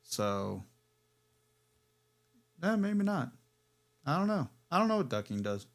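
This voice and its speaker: A man's voice: fairly high pitch, very animated, slow pace. A man hosting a casual livestream equipment test, rambling and chuckling as he corrects himself. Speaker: livestream host.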